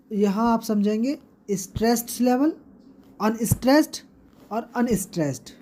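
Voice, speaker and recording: A woman teacher with an Indian English accent, giving an exam-prep lesson and repeating each term slowly for her students. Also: on the high side, dark tone, a little hiss or hum.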